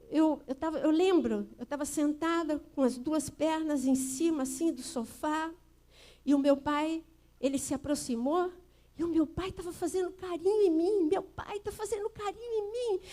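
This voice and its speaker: A Brazilian woman pastor giving a sermon at a church service, telling a personal story in an earnest way that builds to forceful emphasis. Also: sits high.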